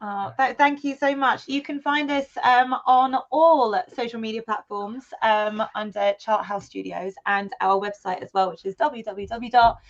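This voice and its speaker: A UK woman who co-founded a studio is the guest in a casual interview, chatting enthusiastically and packing her speech with fillers. Her voice is on the high side, she talks at a normal speed with few pauses, and the recording's highs are cut off.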